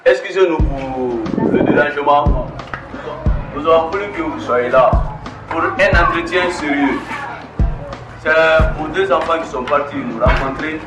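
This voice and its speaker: A man playing a formal, soothing mediator with a fairly high voice. He is recorded from a distance in a roomy space, with music playing behind him. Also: unhurried, natural voice. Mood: earnest. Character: calm neighborhood elder acting as mediator. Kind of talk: amateur film acting.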